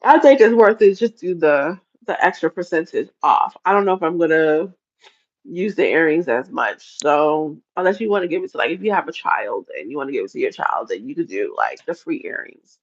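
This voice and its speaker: A woman's voice: deep voice, very animated, a little fast. Woman rambling live on stream, laughs a lot, kinda dull lo-fi sound. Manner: chatty, rambling, laughs often. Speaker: livestream host. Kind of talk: casual livestream chat.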